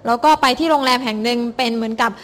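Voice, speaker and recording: Bright, quick woman interpreting a sermon. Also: fairly high pitch. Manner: lively, expressive, warm address to congregation. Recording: hall reverb.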